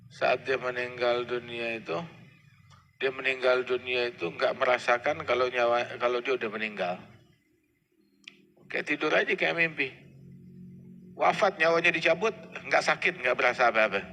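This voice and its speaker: A man's voice: mid-range voice, vocal fry, pushed and bright. Male preacher, conversational sermon storytelling, reverberant hall, faint background noise. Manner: conversational, acts out dialogue. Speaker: Islamic preacher.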